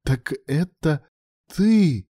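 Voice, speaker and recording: A man reading aloud and voicing a scheming woman madam in an audiobook, with a coaxing manner that turns to shrill exclamations. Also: normal speed, dark tone, no echo, clean studio sound, natural voice. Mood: shocked. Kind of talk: audiobook dialogue.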